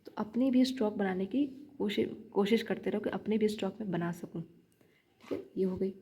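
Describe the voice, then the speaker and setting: A woman's voice: mid-range voice, moderate pace, mellow, breathy edge. A young woman giving chatty shorthand practice tips in a casual vlog, repeating her points as she coaches viewers. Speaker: shorthand learner vlogger.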